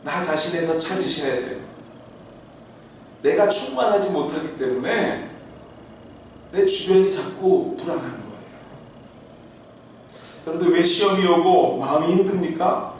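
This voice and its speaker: A man's voice: on the high side, lively intonation, a little slow, pauses often, slight background noise. A middle-aged male pastor preaching a sermon in an earnest, conversational way, asking his listeners rhetorical questions. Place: church sanctuary. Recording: very echoey hall, heard from far off.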